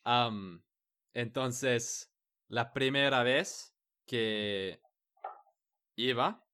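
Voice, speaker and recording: A man's voice: medium pitch, extremely slow, sharp tone, clean tone. A man in a casual chat, speaking hesitantly, restarting words and searching for the right ones. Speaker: conversation partner. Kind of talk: casual chat in a learned language.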